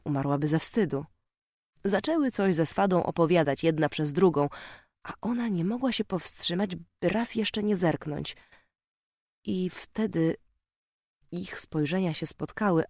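Audiobook narrator, calm measured delivery, dry close read. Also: mid-range voice, no echo. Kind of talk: scripted narration.

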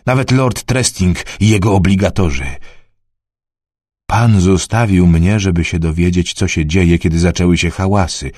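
Guy doing a calm grim peasant girl, flat delivery, dry sound. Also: low voice, normal speed, dry recording.

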